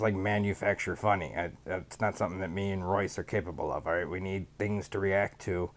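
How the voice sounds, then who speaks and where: A low-voiced man in his thirties, a podcast guest, mockingly impersonates a smug rival streamer who cheerfully owns up to being a villain. Speaking deadpan and sarcastically into a boom-arm studio mic in a small home studio while wearing headphones, he delivers an in-character rant as a mock confession.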